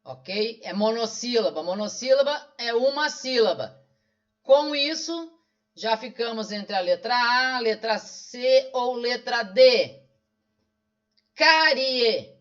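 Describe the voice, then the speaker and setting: A man with a Brazilian accent teaches an online lesson, solving an exam question by question. His voice sits unusually high for a man. He keeps asking his own questions and answering them, and the recording sounds dull and lo-fi. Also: slow. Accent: Brazilian Portuguese.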